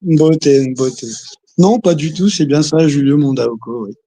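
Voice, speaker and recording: A man's voice: on the high side, unhurried, dark tone, no echo. A man from Congo on a video call, talking casually and hesitantly, with many restarts and fillers and an occasional chuckle. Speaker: caller. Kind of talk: casual chat.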